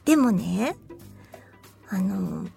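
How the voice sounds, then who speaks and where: A woman's voice: medium pitch, wildly swooping pitch, drawn-out words, vocal fry, mellow, soft background music. A voice actress chatting casually on her own show, laughing easily and now and then acting out a scream. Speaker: voice actress hosting a talk show. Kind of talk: casual solo chat.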